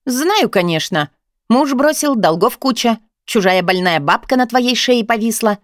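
A woman's voice: a little high, expressive, no room sound, clean studio sound, voice pushed up. A woman doing a blunt, grudging friend. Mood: reproachful. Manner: blunt, grudging, drawn-out reproach.

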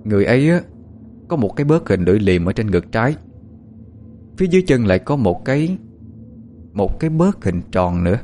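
Low-voiced man narrating a horror story. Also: sing-song, fairly quick, pauses often, dark tone, a little hiss or hum. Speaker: audiobook narrator.

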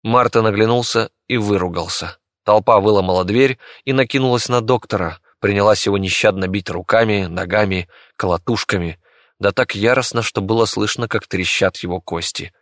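A man narrating a fantasy audiobook in a steady storytelling voice. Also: lowish voice, moderate pace, no room sound, studio quality. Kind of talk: scripted narration.

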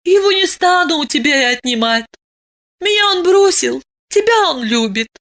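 A woman voicing a worldly grown woman who speaks calmly and soothingly, with a touch of irony. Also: extremely high pitch, moderate pace, voice pushed up, exaggerated voice. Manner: calm, soothing, slightly ironic. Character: worldly grown woman, calm, wryly sympathetic.

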